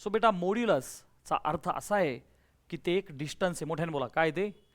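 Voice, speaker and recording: A man teaching a maths class in a classroom, energetic, firing questions at students and urging them to answer loudly. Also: on the high side, normal speed. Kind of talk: classroom lecture with call-and-response.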